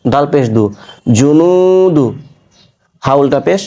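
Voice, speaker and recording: A man's voice: mid-range voice, fast talker, warm tone. A man teaching Quran reading, spelling out syllables patiently and quizzing his listeners with rhetorical questions. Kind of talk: spelled-out recitation lesson.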